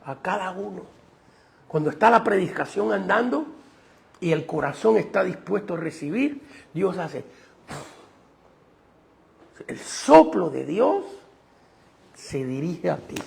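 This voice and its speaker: A man's voice: high voice, vocal fry. A middle-aged man, preaching a Bible class to a congregation and often asking them questions. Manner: teaching preacher, asks the audience questions. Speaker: pastor. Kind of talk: sermon teaching class.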